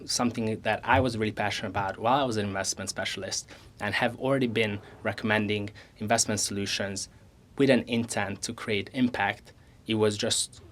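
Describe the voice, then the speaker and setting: Earnest young man from Hungary, lowish voice. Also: fairly bright tone. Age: 20s. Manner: earnest, measured with frequent restarts. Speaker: co-founder guest. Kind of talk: conversational interview.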